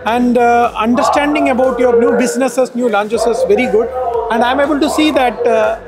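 A man's voice: extremely high pitch, normal speed, over a noisy crowd, low-quality recording. A middle-aged man with an Indian English accent, interviewing on a handheld mic at a trade show booth, with frequent hesitations. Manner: hesitant, with many fillers and polite address. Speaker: interviewer, magazine editor. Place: busy exhibition hall booth. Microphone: handheld microphone.

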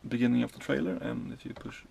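A man in his thirties from Sweden, a truck driver giving a casual tour of his cab, explaining the controls in a halting way with many fillers and restarts. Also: mid-range voice, flat delivery, gravelly, darkish tone, slight background noise.

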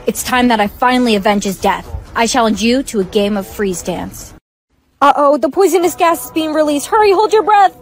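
A woman's voice: on the high side, lively intonation, moderate pace. A woman acting out a comedy skit with a dramatic, exaggerated delivery.

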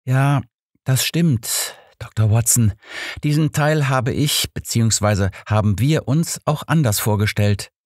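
A man's voice: mid-range voice, unhurried, a little mellow, dry recording, clean studio sound, close to an everyday voice. A man voicing an earnest young male pastor who justifies himself in an audiobook. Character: young male pastor, bitter, defensive confessor.

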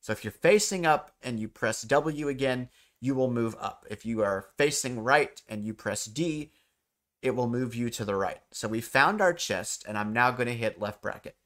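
A man's voice: mid-range voice, animated, moderate pace, fairly bright tone. Man giving step-by-step game instructions. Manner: instructional, repeats key points. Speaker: game demonstrator. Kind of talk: step-by-step gameplay tutorial narration.

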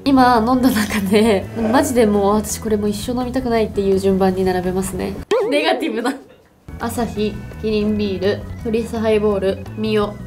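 A twenty-year-old woman chatting casually to camera as a vlog host, in a youthful, expressive, exclamatory and slangy way. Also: mid-range voice, fairly quick. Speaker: video host. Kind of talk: casual vlog chat to camera while taste-testing. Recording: background music behind the voice. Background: music.

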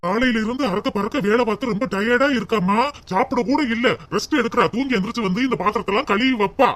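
Brief: a placating cartoon son voiced by a man, high voice and quick delivery. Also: fairly bright tone. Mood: pleading. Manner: pleading, placating. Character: patient adult son defending his wife. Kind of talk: cartoon comedy voice acting.

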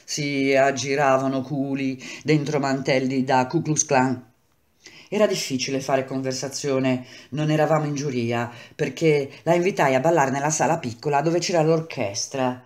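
A woman reading a novel aloud, using wide swings in pitch and loudness and slowing down to stretch key words for effect. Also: steady tone. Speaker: reader.

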